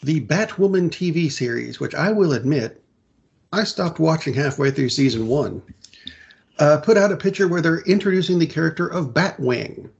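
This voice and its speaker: A middle-aged man co-hosting a casual podcast, rambling and correcting himself, clearing his throat often. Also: on the high side, expressive, normal speed, lo-fi sound. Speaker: podcast co-host. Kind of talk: casual chat about comic book films and shows.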